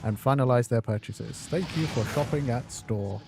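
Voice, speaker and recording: Man, mock supermarket tannoy announcement, slow and measured, mid-pitched, music underneath. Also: creaky. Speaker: gamer commentating his play.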